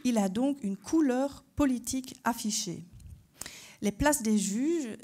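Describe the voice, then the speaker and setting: Slightly high in pitch with a dark tone, this woman is a German-speaking Belgian who serves as a constitutional court judge. In a carefully structured conference talk she explains her points and puts rhetorical questions to her listeners.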